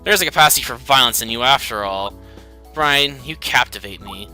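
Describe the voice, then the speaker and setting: A man's voice: mid-range voice, animated, fast, pushed and bright, smooth, faint music behind. Man putting on a flirty pixie succubus. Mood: infatuated. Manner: teasing, formal, theatrical. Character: seductive female pixie succubus, sly and flowery.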